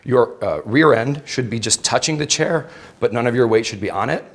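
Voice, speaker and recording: A man teaches a live exercise demonstration. His voice is average in pitch, and he speaks informally as an instructor, explaining things to the participants with him. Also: lively intonation, brisk. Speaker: fitness instructor. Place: indoor aerobics room with exercise bikes. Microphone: worn clip-on or headset mic.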